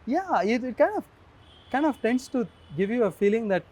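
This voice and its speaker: A man's voice: extremely high pitch, sing-song, moderate pace, a little mellow. A man, a runner being interviewed, answering hesitantly and repeating words as he starts his thoughts. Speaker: guest, runner.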